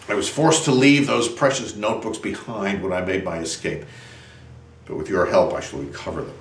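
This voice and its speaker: A man performing a theatrical monologue as a desperate, exhausted scientist turned invisible, imperious and brooding, with dramatic pauses. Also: medium pitch. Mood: weary, bitter. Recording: roomy, distant microphone.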